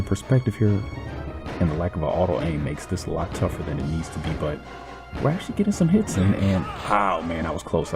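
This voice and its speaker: A man hosting a let's play, making sarcastic, teasing jokes about the game as he plays. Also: deep voice. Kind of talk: joking gameplay commentary. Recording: commentary over game music.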